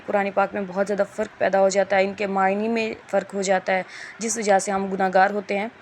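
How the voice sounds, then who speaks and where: A woman's voice: medium pitch, a little hiss or hum. A woman teaching a Quran reading lesson, explaining rules patiently and stretching out letter sounds as examples. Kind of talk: Urdu lesson lecture.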